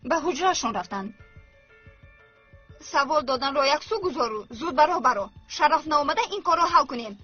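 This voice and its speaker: A woman's voice: high voice, lively intonation, bright, forceful tone. An actress dubbing a stern, bossy woman who orders children about and pushes a plan. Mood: commanding. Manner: bossy, commanding. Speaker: stern stepmother figure. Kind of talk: dubbed TV drama. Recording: lo-fi with music underneath.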